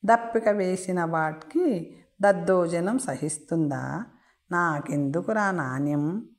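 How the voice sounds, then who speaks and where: A woman's voice: on the low side, takes it slowly. A woman doing a raving, taunting madman. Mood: mocking. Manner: rambles in proverbs, taunts, sings lullabies. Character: raving mad man, defiant and mocking.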